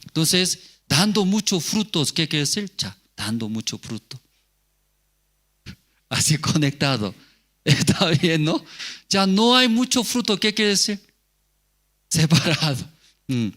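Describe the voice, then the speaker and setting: A man's voice: a little high, very animated, takes it slowly, pauses often, fairly bright tone. A male pastor giving a sermon, asking the congregation rhetorical questions and repeating key words.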